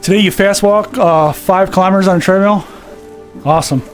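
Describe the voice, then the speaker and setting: Speaking briskly in a voice that sits high, a man walks a VR treadmill in his home gaming setup and gets winded as he streams. He reads comments from viewers out loud and chats back casually, soft music playing underneath.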